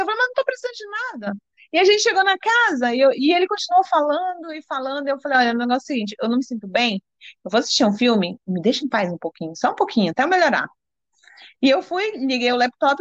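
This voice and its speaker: Her voice a little high, a Brazilian interviewee recounts a personal story in Brazilian Portuguese-accented speech, acting out quoted dialogue and restarting sentences breathlessly. The recording is dry, dull and lo-fi.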